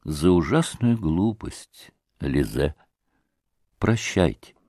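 An actor playing a gentle young man who speaks quietly and contritely. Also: sits low, sing-song, slow pace, husky, no room sound, studio quality, voice pushed down, heavily acted. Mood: ashamed.

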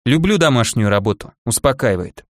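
A man reading a thirty-year-old male ruler and ex-soldier in an audiobook, self-deprecating and gently ironic, in a dry studio recording. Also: medium pitch, animated, a little fast, dry recording, natural voice. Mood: rueful.

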